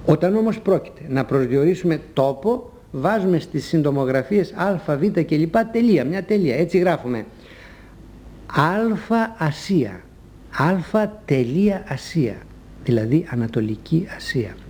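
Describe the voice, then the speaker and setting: Male language teacher, didactic and measured, mellow tone, slightly high. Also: lively intonation. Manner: measured, didactic, spells out letters. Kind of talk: scripted talk on Greek usage.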